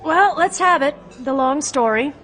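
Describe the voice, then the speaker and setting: A woman's voice: high-pitched, lively intonation, measured pace, a bit bright, faint music behind. An actress playing a flirtatious, breezy and self-assured female agent in an audio drama, with a playful, teasing delivery.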